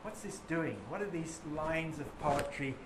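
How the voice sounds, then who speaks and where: A man's voice: fairly high pitch, measured pace, noisy background. A male teacher leading a poetry lesson in a classroom, enthusiastic and full of praise for his students. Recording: roomy classroom echo.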